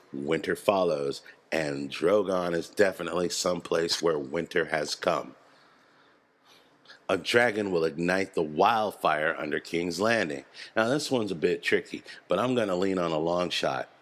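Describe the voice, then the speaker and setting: A man giving casual video commentary, animated, chuckling and swearing freely as he analyzes scenes. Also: low voice. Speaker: video creator analyzing a TV series.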